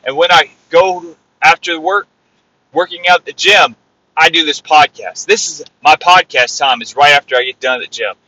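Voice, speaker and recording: A man preaches on his own podcast in a bright, ringing voice pitched a little high. He repeats his phrases like a preacher and now and then rises to loud exclamations. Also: normal speed, a little hiss or hum, rough recording. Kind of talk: informal sermon.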